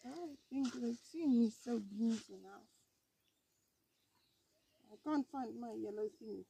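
A woman's voice: a little high, slow, gravelly, mellow. Chatty woman in a noisy garden. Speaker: co-host homesteader. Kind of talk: casual chat. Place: outdoor vegetable garden. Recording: noisy outdoor audio.

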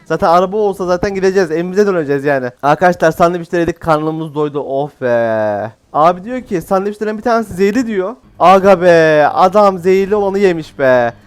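A man's voice: sits high, fast talker, few pauses, smooth. A man giving casual, jokey let's-play commentary as a gaming YouTuber, exclaiming often.

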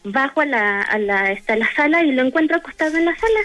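A woman's voice: high voice, lively intonation, fast talker, a bit bright, low-quality recording. Hesitant woman telling a story. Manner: hesitant, many fillers and restarts. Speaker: guest telling a paranormal story. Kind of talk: casual storytelling.

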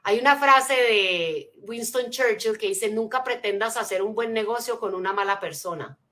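Woman doing a motivational seminar, bright ringing voice, keeps asking "right?" to check in, walks through acronyms like a teacher. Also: a little high, normal speed, slight background noise. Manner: energetic teacher, frequent rhetorical check-ins; spells out acronyms, asks listeners to take notes. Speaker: motivational speaker.

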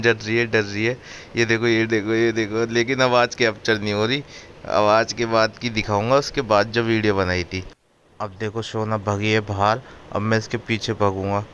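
A man's voice: fairly low pitch, fairly bright tone, a little hiss or hum. A young man chattily narrating his own prank footage in a casual voice-over. He laughs often and keeps telling viewers to look. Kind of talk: excited casual voice-over commentary.

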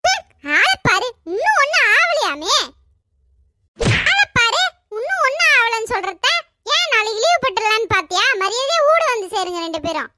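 A woman voicing a stingy, sharp-tongued village housewife in a cartoon, with a Kanyakumari Tamil accent and a scolding, bickering way of talking. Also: very high voice, very animated, normal speed, very noisy. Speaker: wife.

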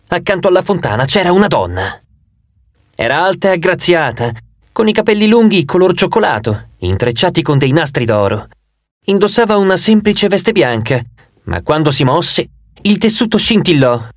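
Expressive man narrating an audiobook. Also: fairly high pitch, no echo, studio quality. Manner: expressive, vivid storytelling. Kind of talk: scripted narration.

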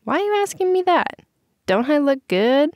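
A woman doing a breezy, high teen party girl. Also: very animated, moderate pace, darkish tone, no echo, studio quality. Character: carefree teenage party girl.

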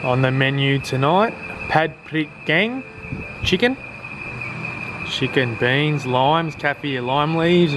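A man's voice: mid-range voice, noisy background. An Australian man talking casually on a travel vlog, blunt and crude, swearing freely and joking about himself. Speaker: travel vlogger.

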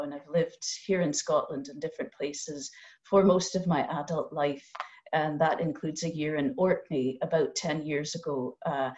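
Middle-aged woman, low voice, measured and academic, slightly dull call audio. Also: darkish tone. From Canada. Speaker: poet and lecturer. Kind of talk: online panel talk. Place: home room with lamp. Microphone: video call.

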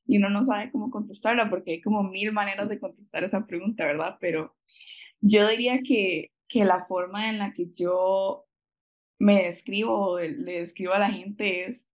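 A Costa Rican woman in her twenties, speaking with a Costa Rican Spanish accent, is a guest answering interview questions over a video call. She sounds hesitant, uses many fillers and laughs often. Her mid-range voice stays steady at a normal speed, but the audio quality is poor.

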